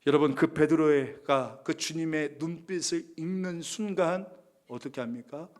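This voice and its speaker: A man's voice: on the high side, unhurried. Dramatic male pastor preaching. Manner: dramatic, swinging from hushed near-whispers to loud emphatic appeals. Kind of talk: sermon. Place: church sanctuary.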